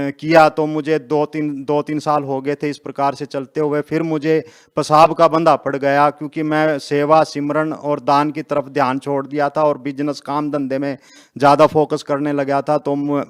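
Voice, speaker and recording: A man's voice: on the high side, level tone, moderate pace, smooth. A man in his fifties giving a plain-spoken, earnest testimony in an interview, adding polite little endings as he speaks. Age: 50s. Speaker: interviewed devotee.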